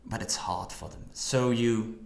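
A woman's voice: rumbling low, unhurried, gravelly, a little mellow, a little hiss or hum. A woman with a Dutch accent talks in casual conversation and explains patiently, now and then stopping to find the right English word. The room around her is echoey and open. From Maastricht, Netherlands. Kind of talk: casual chat. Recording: roomy echo.

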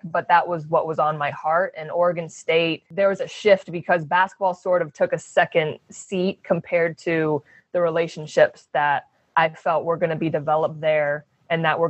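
A woman's voice: low voice, no room sound, lo-fi sound. A young woman from Arizona, a basketball player, answering interview questions in an earnest, reflective way with lots of fillers.

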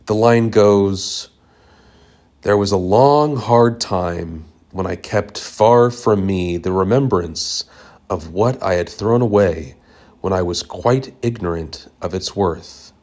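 A man voicing an elderly great aunt who speaks in a solemn, hesitant way with long pauses. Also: low voice, a little mellow. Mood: grave. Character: elderly great aunt, sighing, grave and cryptic.

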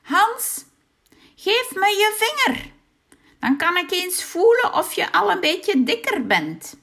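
A woman voicing a cruel old witch with bad eyes, shrill and scolding, in a children's fairy tale. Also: very animated, slow pace, sharp tone, heavily acted. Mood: wheedling.

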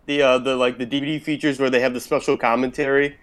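A man's voice: mid-range voice, little pitch movement. A man in a casual podcast chat, joking around and stumbling a little over his words. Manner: joking, a bit halting.

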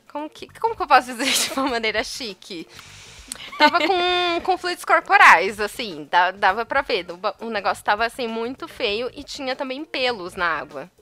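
A young woman tells a story in an animated, chatty way, laughing often and acting out the back-and-forth. Her voice is bright and sits a little high. Soft music plays faintly behind her. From Brazil. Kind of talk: casual storytelling chat.

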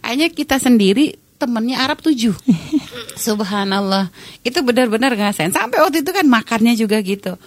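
A middle-aged woman giving Islamic advice in a conversational talk, speaking directly to the listener and telling lively personal stories. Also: a little high, quick pace. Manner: direct, addresses listener as "Anda"; animated anecdotal storytelling.

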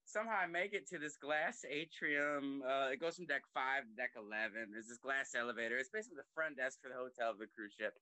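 A man's voice: medium pitch, fast, few pauses, bright, forceful tone, no echo. A young man telling long, rambling stories in casual chat, full of fillers and acted-out quotes.

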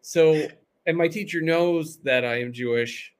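A man's voice: on the high side, a little slow. A man, a comedian guest on a podcast, telling stories in a rambling way with many restarts. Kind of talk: casual podcast storytelling.

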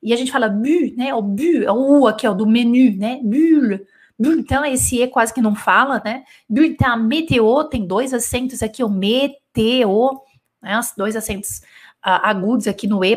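A woman's voice: a little high, normal speed, breathy edge. A woman teaching a live French dictation lesson, explaining patiently and checking in with her students often. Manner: explains patiently, switching between Portuguese and French examples; animated, with frequent checks like "né?" and "d'accord?".

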